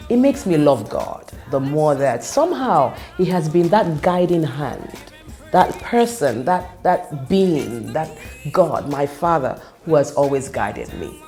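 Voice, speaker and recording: A gospel singer whose first language is Yoruba tells a personal testimony, earnest and reflective, pausing and restarting as she goes. Her voice sits low with a warm tone.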